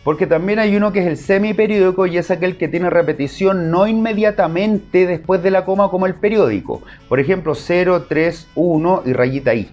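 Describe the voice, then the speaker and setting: A man's voice: high-pitched, fairly quick, few pauses, darkish tone, highs cut off, faint music behind. Chilean man teaching math. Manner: explains step by step, asks the class short check questions. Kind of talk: online math lesson.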